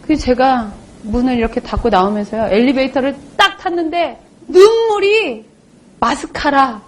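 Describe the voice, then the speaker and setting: A woman in her forties delivers an emotional personal testimony into a stage microphone. Her voice sits high and swoops widely as she dramatizes her story. She acts out the people she quotes along the way. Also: animated, normal speed. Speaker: motivational speaker.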